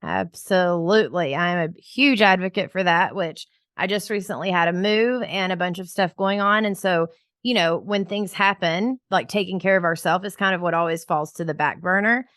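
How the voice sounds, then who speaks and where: A woman's voice: on the low side, normal speed, fairly bright tone, no room sound, clean studio sound. A woman co-hosting a podcast for professional organizers, talking in an upbeat, chatty way with many filler words. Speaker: podcast co-host. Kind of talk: casual podcast chat.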